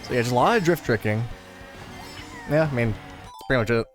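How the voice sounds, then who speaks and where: A man's voice: mid-range voice, expressive, brisk, faint music behind. Laid-back young man rambling over gameplay. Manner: rambling, laid-back storytelling with many fillers. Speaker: gaming video host. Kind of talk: casual chat over gameplay.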